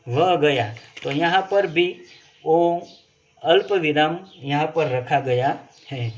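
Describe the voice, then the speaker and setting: A man teaches a grammar lesson at a very slow, deliberate pace, repeating phrases as he walks through each example. His voice sits a little high, and the recording is dull and lo-fi. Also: fairly bright tone.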